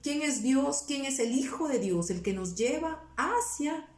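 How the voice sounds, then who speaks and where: A woman's voice: high voice, lively intonation, unhurried, roomy sound. A woman in her forties, a pastor giving her personal testimony in a casual interview. She talks earnestly and keeps searching for words, with many restarts.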